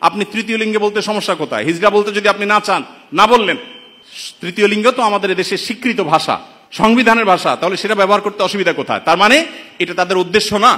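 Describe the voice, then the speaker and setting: A man from Bangladesh delivers impassioned, sermon-style commentary, preaching indignantly and rhetorically while calling his listeners brothers. His voice is high and sharp, and the recording has a long, reverberant hall sound.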